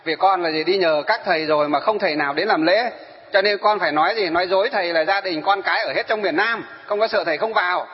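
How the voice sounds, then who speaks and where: A man's voice: high-pitched, quick pace, long reverb tail, dull audio, close to an everyday voice. A monk voicing an apologetic old woman. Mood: pleading. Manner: apologetic, pleading.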